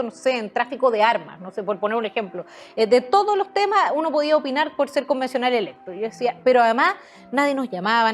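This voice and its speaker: A woman answering interview questions as a guest author, hesitating often with fillers and restarts. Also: fairly high pitch.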